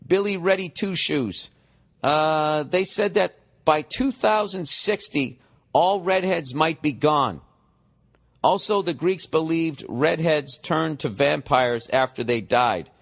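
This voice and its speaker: Speaking slowly with vocal fry, this fortysomething podcast host has a fairly high, fairly bright voice. He reads a listener email aloud and tears into it, swearing and sarcastic, his mockery and exasperation fueling a comedic rant.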